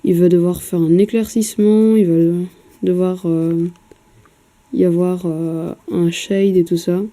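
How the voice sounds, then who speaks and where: A woman with a very dark, mellow voice talks through painting a miniature in a casual vlog. She is hesitant and chatty, with lots of fillers and casual swearing. The sound comes from a camera mic at a home painting desk. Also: fairly low pitch, fairly even intonation, measured pace.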